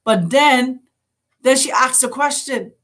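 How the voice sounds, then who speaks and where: Fervent high-voiced woman preaching. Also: takes it slowly, a bit bright. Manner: preachy, full of rhetorical questions; urgent, emphatic appeals to listeners. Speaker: host. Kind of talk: impassioned spiritual address.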